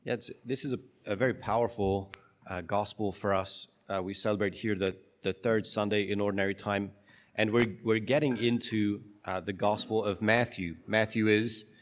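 A man's voice: on the low side, steady tone, a little hiss or hum. A man speaking as a priest in church, reading scripture and preaching, with a cathedral echo around his voice. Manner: halting, searching for words in the homily. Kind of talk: liturgical gospel reading and sermon. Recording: long cathedral-like echo in a large space.

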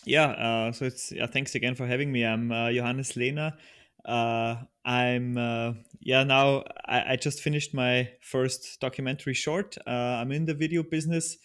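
A man's voice: mid-range voice, steady tone, normal speed, a bit bright. Hesitant Austrian-born man, guest on a podcast. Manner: hesitant, many restarts and fillers. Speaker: podcast guest, video trailer producer. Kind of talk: casual interview chat.

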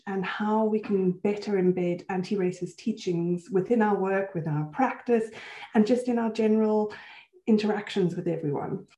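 A woman's voice: mid-range voice, dark tone. A woman from South Africa and Switzerland, a lecturer in applied theatre, who answers interview questions reflectively and laughs easily, speaking over a video call. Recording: roomy echo.

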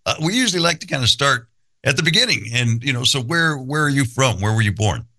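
A man hosting an interview podcast, speaking haltingly with many fillers and restarts. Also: medium pitch, very animated, sharp tone. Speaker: podcast host. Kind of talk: casual interview.

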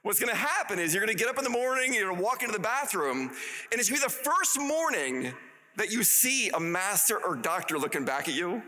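A man's voice: high-pitched, very animated, brisk, pushed and bright. A man in his forties giving a live motivational commencement speech to an audience, gushing and exclamatory, laughing often as he talks. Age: 40s. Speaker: commencement keynote speaker. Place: university commencement ceremony, before a live audience.

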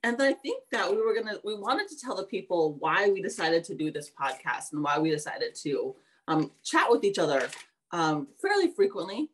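A woman's voice: on the low side, big pitch swings, normal speed, a little hiss or hum. Woman podcast co-host talking with braces. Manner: speaking with braces and elastics, slightly impeded enunciation. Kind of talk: casual chat.

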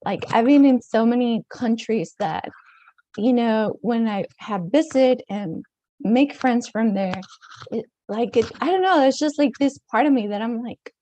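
A dance teacher from Mexico speaks casually as an interview guest, with a Latin American Spanish accent. Her fairly high voice is mellow, soft-edged, and expressive; she often pauses to search for words and laughs between phrases. The recording is close and dry, without echo, and the highs are cut off.

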